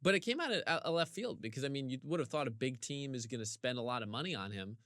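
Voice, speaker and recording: A man co-hosting a casual sports podcast, ranting animatedly with big jumps in pitch, his voice getting a little hoarse. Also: expressive, fast, a bit bright, no room sound, studio quality. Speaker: podcast co-host.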